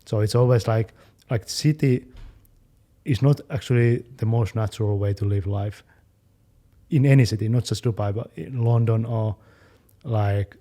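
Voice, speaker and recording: Mellow low-voiced young man chatting. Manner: quick, loose, leans on fillers like "like". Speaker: fitness channel co-host. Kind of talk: casual chat.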